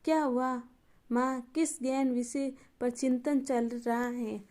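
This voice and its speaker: A woman's voice: high-pitched, steady tone, takes it slowly, darkish tone. A woman voicing a grown son in a storybook tale who speaks in a jokingly pompous, mock-formal way. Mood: teasing.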